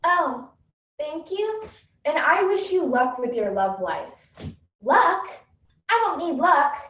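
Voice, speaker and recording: Brief: bubbly airhead teen actress, very high, overdramatic, dull distant room sound. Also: female voice, sing-song, takes it slowly, a bit bright, roomy sound, heavily acted. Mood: squealy eager. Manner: squealy, overdramatic recitation. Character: ditzy bubbly teenage girl actress. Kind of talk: competitive humorous interpretation.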